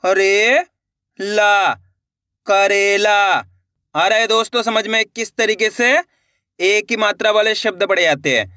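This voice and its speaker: A Hindi reading teacher giving an online lesson, sounding out words slowly syllable by syllable and encouraging viewers as friends. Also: medium pitch, sharp tone, no room sound, studio quality.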